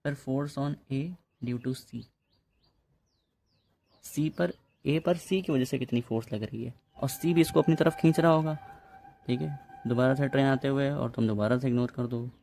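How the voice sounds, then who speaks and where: Man, physics teacher, casual lesson, chatty, mellow tone. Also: mid-range voice, unhurried, vocal fry, a little hiss or hum. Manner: chatty, addresses students as bhai, repeats ok.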